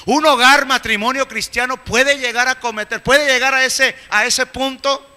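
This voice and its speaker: A man preaching a sermon with emphatic delivery, rising to shouts at the peaks. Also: extremely high pitch, steady tone, normal speed. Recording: echoey hall.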